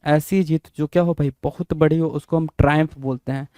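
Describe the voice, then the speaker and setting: Dry-voiced teacher drilling vocabulary. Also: male voice, fairly high pitch, fairly even intonation, brisk, mellow, no echo. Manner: repetitive, spells words out letter by letter; frequent check-ins with listeners. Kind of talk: exam-prep vocabulary lesson.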